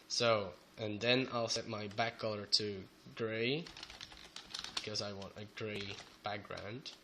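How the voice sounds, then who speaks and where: Sounding sick and a little off, a young Belgian Dutch-accented tutor talks through code in a screen-recorded lesson, slow and halting with plenty of fillers. His fairly low voice still has brightness, over faint noise and the sound of typing and clicks.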